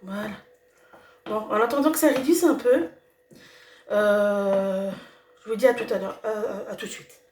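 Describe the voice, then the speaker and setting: A young woman's mid-range voice, a little mellow and a little slow, with long pauses, carries through a casual home cooking video. She has a slight cold and hesitates a lot, with fillers and restarts. She sounds far off in an echoey home kitchen, with a pan sizzling and stirring behind her.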